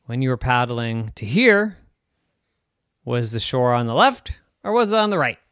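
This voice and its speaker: A man voicing a friendly, chatty male walrus in a bedtime story, talking in a high, bouncy, cheerful voice. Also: sing-song, normal speed, fairly bright tone, no echo, studio quality.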